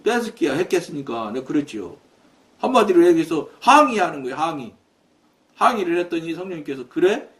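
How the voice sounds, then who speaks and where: A man's voice: high voice, distant mic. A man preaching a sermon, telling a personal testimony and acting out his conversations with God in a storytelling manner.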